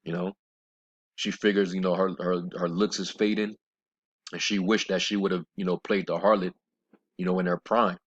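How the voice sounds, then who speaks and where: A deep-voiced man rambles through scripture commentary, full of fillers and blunt, scornful asides. He reads the verses in a slower, measured cadence. The recording sounds dull and lo-fi. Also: level tone. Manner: rambling, with many fillers and restarts. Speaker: religious commentator.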